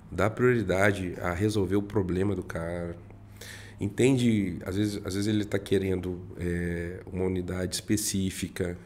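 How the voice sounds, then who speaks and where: A real estate broker from Minas Gerais, Brazil, speaks with a mineiro Brazilian Portuguese accent as a guest on a casual podcast. His low, slightly mellow voice moves somewhat slowly, full of fillers and rhetorical tag questions, with a little hiss or hum.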